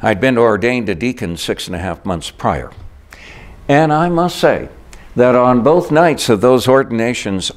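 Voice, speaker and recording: An older man preaches a sermon from the pulpit. His voice sits at a middle pitch but swings widely up and down, and he tells the story with wry asides. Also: darkish tone. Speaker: priest.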